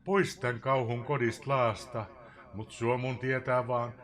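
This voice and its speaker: A man giving a dramatic poetry recitation, swinging between loud outbursts and hushed whispers. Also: medium pitch, level tone. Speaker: live streamer reading a poem.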